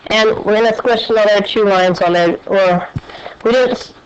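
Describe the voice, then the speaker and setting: A woman's voice: medium pitch, moderate pace, a little hiss or hum. A woman math teacher lecturing a class and quizzing her students with questions as she goes. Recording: dull, lo-fi classroom recording.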